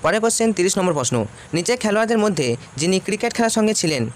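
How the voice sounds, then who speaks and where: Fast-talking high-voiced teacher. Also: male voice, animated, a little hiss or hum. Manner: reads each question then repeats the answer. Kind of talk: exam answer walkthrough.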